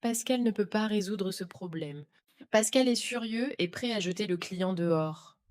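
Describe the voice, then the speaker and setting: A woman reading the lines of a harried male restaurant manager in a low, hushed, worried way. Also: unhurried, dry recording, clean studio sound, lightly acted.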